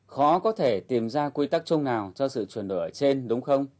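A man hosting a language lesson, calmly explaining and prompting learners to repeat. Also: mid-range voice, normal speed. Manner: calm explanatory guiding tone. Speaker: English teacher host. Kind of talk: instructional narration.

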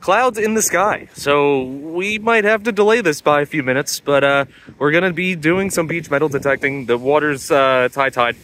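A man's voice: on the high side, moderate pace, fairly bright tone, a little hiss or hum. A young man hosting a metal detecting vlog outdoors at a beach. He talks in a chatty way straight to his viewers and narrates casually into a handheld phone. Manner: chatty, addresses viewers directly.

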